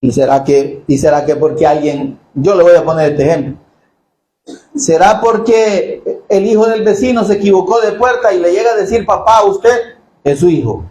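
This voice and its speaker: A man preaching a sermon in a church, jokey and animated, often asking the congregation questions. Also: high voice, normal speed, reverberant, rough recording.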